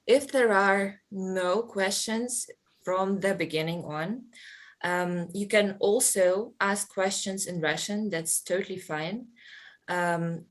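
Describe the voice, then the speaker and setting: A woman moderating a forum, introducing the speaker in a polite, hesitant way. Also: mid-range voice.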